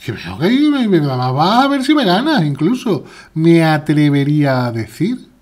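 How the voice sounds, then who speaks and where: A man's voice: on the high side, very animated, measured pace, darkish tone. A man with a Spain Spanish accent, chatting playfully as he plays live chess and answers viewers' chat. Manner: chatty, playful, reads chat aloud while playing. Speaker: chess streamer. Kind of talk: live chess stream commentary.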